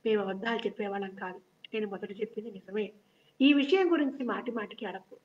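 A woman reading the lines of an earnest young prince in disguise, speaking calmly and plainly, in a children's story reading. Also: mid-range voice, quick pace, close to an everyday voice. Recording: dull lo-fi recording.

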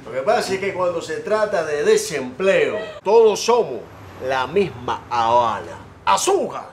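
A man playing a wry male Cuban immigrant with a Cuban accent, speaking slowly and formally. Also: fairly high pitch, sing-song, echoey room, a little hiss or hum.

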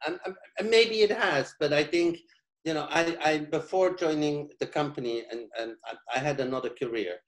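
A man's voice: on the high side, normal speed, poor audio. A middle-aged man from Belgium answering in an interview over a video call, hesitant with frequent restarts. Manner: hesitant, many restarts and fillers. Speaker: interior design studio head. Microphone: video call from a home living room.

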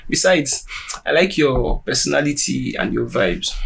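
An actor with a Nigerian accent playing a calm, caring young boyfriend who speaks in a soothing, reassuring way. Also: male voice, mid-range voice, measured pace, vocal fry, slightly rough, full character voice, poor audio. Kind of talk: film drama acting.

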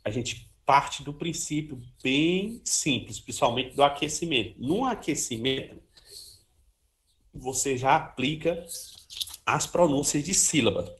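This is an informal music lesson: a man teaches trombone casually, talking loosely and singing brief syllables to show articulation, peppering his speech with "ó" and "né." His voice sits on the high side and is a bit bright, with lively intonation and an unhurried delivery.

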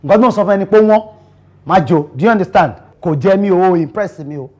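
A man's voice: high voice, fast, darkish tone. An actor with a Nigerian accent playing a young man who lectures his housemate and then pleads with his girlfriend. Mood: bossy. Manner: code-switching, bossy, then stammering and pleading. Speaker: fiancé in a domestic drama.

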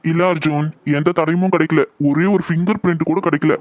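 A man's voice: on the high side, fairly even intonation, fairly quick, no room sound, natural voice. A man playing a troubled police officer. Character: worried male assistant police commissioner. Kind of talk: horror audio drama. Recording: dull lo-fi, dry.

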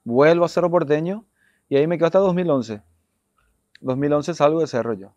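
A former footballer tells his story as an interview guest, speaking earnestly, repeating phrases and often dropping to a soft, low voice. He talks a little fast, and the dry recording has a dull studio sound.

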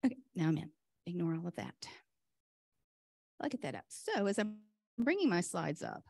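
A woman presenting a rushed lightning talk at a conference, enthusiastic and chatty, often interrupting herself in a flustered way. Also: fairly low pitch, vocal fry, mellow, dry recording. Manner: flustered, chatty self-interruptions while juggling laptop. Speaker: conference speaker, software vendor presenter.

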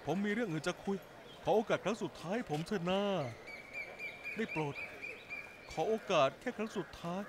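A man voicing a remorseful young father in a dubbed TV drama, begging the woman he loves for forgiveness. His voice sits high for a man, earnest and pleading throughout. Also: normal speed, long pauses, noisy background, lightly acted. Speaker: dub actor.

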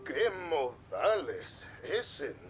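An actor playing an unhinged, gloating game villain who talks in a taunting, theatrical way. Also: male voice, medium pitch, very animated, extremely slow, faint music behind. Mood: taunting menace. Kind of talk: video game voice acting.

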